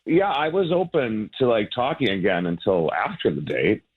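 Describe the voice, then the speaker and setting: A man's voice: on the low side, sing-song, moderate pace, slightly rough. A man calls in over a thin, tinny phone line, explaining himself in a loose, rambling way. He stays laid-back and laughs easily between thoughts. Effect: heard over a phone line. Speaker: caller on a radio dating segment. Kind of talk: casual chat.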